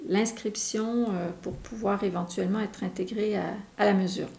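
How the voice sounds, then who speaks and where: Québécoise woman, gravelly, hesitant. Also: mid-range voice, steady tone, normal speed, warm tone. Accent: Québécois French. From Quebec, Canada. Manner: hesitant, many fillers and restarts. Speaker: co-founder interviewed as guest. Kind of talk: radio interview, casual explaining. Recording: echoey room.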